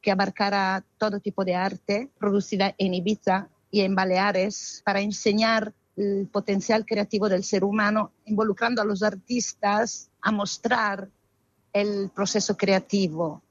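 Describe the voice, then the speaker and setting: A woman's voice: mid-range voice, measured pace, dry recording. Woman, dry and muffled. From Italy. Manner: expressive, with frequent hesitations. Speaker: guest, arts festival founder. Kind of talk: interview answers.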